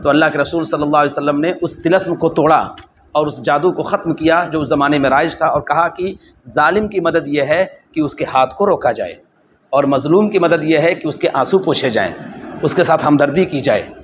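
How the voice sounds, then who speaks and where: Man teaching an Arabic text, slightly high voice. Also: highs cut off, a little hiss or hum. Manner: reads Arabic phrases slowly, then repeats them in explanation. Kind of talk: classroom lesson explaining an Arabic text.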